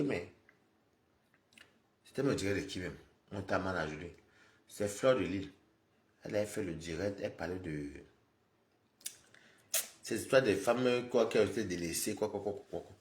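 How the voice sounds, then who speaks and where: Animated man ranting on a live stream. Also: on the low side, reverberant. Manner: scolding, animated, repeats himself, talks straight to viewers. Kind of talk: live-stream rant to viewers.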